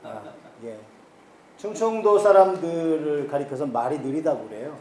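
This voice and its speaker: High-voiced man preaching in an echoey hall. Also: lively intonation, moderate pace, mellow, a little hiss or hum. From South Korea, Chungcheong region. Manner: folksy, humorous, asks the congregation questions. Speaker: pastor. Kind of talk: church retreat sermon. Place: church hall with congregation.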